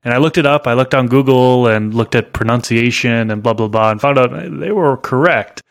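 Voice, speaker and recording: A man's voice: mid-range voice, brisk. Easygoing man hosting a casual chat.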